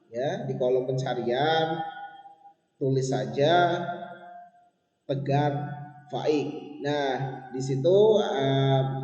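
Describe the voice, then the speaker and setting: A man's voice: on the high side, a little mellow. Echoey male teacher giving a lesson. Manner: patient, instructive, repeats points and checks with students. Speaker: religious school teacher. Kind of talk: recorded online lesson. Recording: echoey, reverberant room, dull lo-fi sound.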